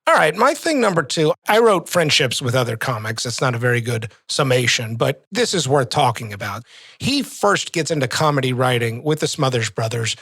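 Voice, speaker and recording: A man hosting a podcast in casual chat, enthusiastic and quick to laugh. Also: medium pitch, big pitch swings, a bit bright, breathy edge, no room sound. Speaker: podcast host.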